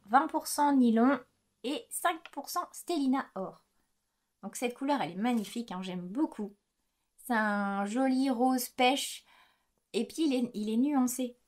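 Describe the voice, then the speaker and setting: A woman's voice: a little high, a little mellow. A young adult woman chatting casually about her knitting projects in a vlog, with frequent fillers and self-corrections. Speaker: knitting podcaster.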